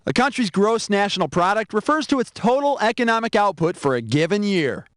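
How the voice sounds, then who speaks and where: A man's voice: high voice, animated, brisk, very noisy. A man playing a wisecracking, sarcastic adult quiz show host in a video game, teasing the player with jokes. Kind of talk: scripted wisecracking quiz hosting. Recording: loud game music underneath. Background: loud game show music.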